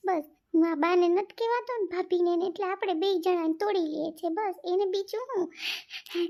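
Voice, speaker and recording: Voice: very high-pitched, creaky, a little mellow. A performer doing a whiny young wife. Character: touchy young wife, easily hurt. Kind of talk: village family comedy skit.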